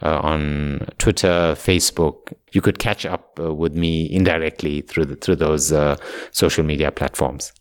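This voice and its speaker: A male professor with a very low, smooth and resonant voice gives interview answers. He speaks thoughtfully and fills his pauses with small hesitations. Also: steady tone. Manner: thoughtful, many fillers like uh and you know.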